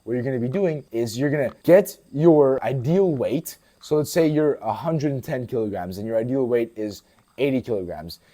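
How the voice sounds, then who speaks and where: In a casual Q&A vlog, a fitness coach in his twenties from Portugal answers what viewers ask, bluntly, with swearing and lots of bro. His mid-range voice is mellow and moves at a normal speed.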